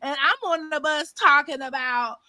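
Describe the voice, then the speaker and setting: A woman co-hosting a podcast, telling a story in a casual chat with emphatic, animated delivery. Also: high voice, normal speed. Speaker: podcast co-host.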